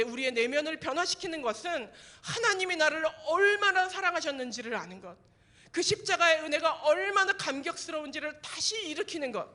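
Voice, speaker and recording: A woman pastor in her fifties preaching a sermon and sharing personal testimony, swinging between forceful passages and hushed, near-whispered ones. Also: high voice.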